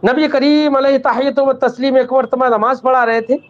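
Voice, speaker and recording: Captured in dull lo-fi audio, this man speaks at an extremely high pitch with a steady tone. Teaching Islamic law, he recites Arabic and then patiently explains it, addressing students as "child" and making sure they follow.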